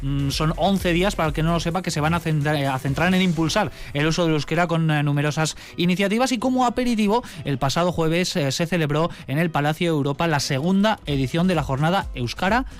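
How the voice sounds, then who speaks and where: A male radio sports reporter with an accent from Spain, giving a conversational round-up in a halting way, often checking in with tag questions. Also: on the high side. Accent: Spanish from Spain.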